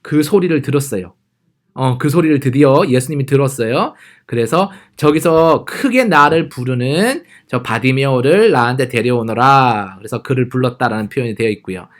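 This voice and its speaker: A man teaching a youth church Bible lesson, explaining the passage in a friendly, animated way. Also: mid-range voice, moderate pace.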